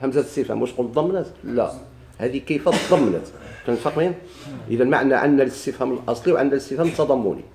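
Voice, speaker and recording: A man with a Moroccan Arabic accent teaches a grammar class at a quick clip. He keeps firing questions at his students and answering them himself. His voice is mellow and a little dark, and it carries an echo from the room. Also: medium pitch, slight background noise. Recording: echoey room.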